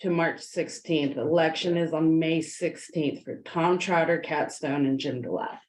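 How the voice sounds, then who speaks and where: A woman's voice: low-pitched, measured pace, a little mellow, low-quality recording. A woman on a transit district's staff giving election filing dates at a board meeting in a matter-of-fact way.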